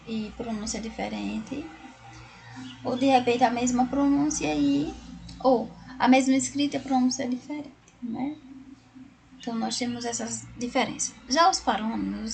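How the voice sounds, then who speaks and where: Brazilian woman teaching, gravelly tone. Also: on the high side. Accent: Brazilian Portuguese. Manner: explanatory, frequent tag questions. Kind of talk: recorded online class.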